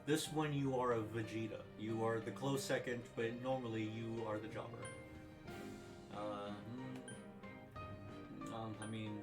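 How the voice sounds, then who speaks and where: A man's voice: fairly low pitch, steady tone, measured pace. A man playing a video game and chatting casually, with playful jokes and bits of game text read aloud. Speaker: gamer playing and commenting. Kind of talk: casual let's-play chat. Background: game music.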